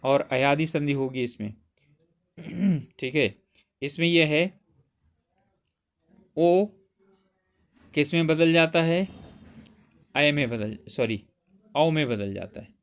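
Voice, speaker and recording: A man's voice: a little high, slow pace, long pauses, smooth. A man teaching for an exam, who explains step by step and asks and answers his own questions. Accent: Hindi. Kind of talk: exam prep lecture.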